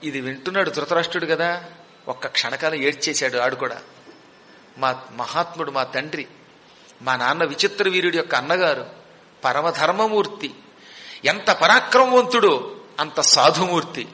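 Bright high-voiced man in an echoing hall. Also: moderate pace, long pauses. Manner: dramatic, rhetorical questions, chants verses. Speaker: religious discourse speaker. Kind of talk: storytelling religious discourse. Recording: long reverberant hall.

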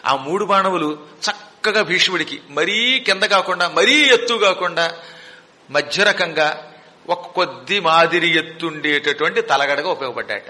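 Male discourse speaker, high bright voice, dramatic storyteller, recorded in a long echoing hall. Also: animated, normal speed. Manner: dramatic, rhetorical questions, chants verses.

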